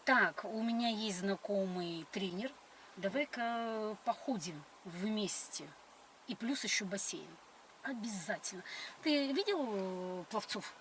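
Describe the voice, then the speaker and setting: A woman's voice: mid-range voice, lively intonation, slow pace. A middle-aged woman chatting on a date in a grand, coquettish and condescending manner. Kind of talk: casual date chat. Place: inside a car. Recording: noisy car interior.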